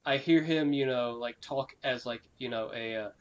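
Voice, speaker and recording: A man's voice: medium pitch, normal speed. A young man co-hosting a podcast in casual chat, rambling with fillers, laughing often and swearing casually. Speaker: podcast co-host. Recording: slightly dull lo-fi recording with faint noise.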